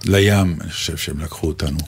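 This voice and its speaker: Low-voiced man making dry remarks. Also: steady tone, creaky, slightly rough. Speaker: radio show co-host. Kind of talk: casual chat.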